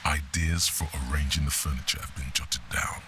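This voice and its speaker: A grave, detached male narrator voices a video game in a solemn, descriptive and scripted style. His very deep voice keeps a fairly even intonation at a moderate, steady pace, with background noise present.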